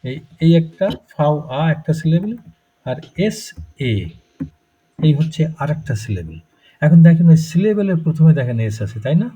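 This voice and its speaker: A man's voice: fairly high pitch, big pitch swings, moderate pace, warm tone, slightly rough. A man with a Bangladeshi Bengali accent teaching German pronunciation in a live class, explaining step by step and checking in with students. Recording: muffled lo-fi recording.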